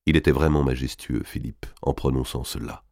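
A man's voice: a bass voice, steady tone, brisk, vocal fry, a little mellow, no echo, studio quality. A man narrating a historical novel as an audiobook, reading expressively and dramatically.

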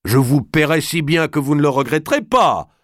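Guy reading aloud doing a big loud bossy nobleman, high-pitched and booming, slow grand delivery, dry close sound. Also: lively intonation, dry recording, close to an everyday voice. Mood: commanding. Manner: declamatory, emphatic, commanding.

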